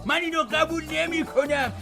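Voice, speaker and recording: Cartoon dub: an actor doing a gruff, bossy uncle, high-pitched, all demands and doubts. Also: male voice, steady tone, over music. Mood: brusque. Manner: brusque, questioning.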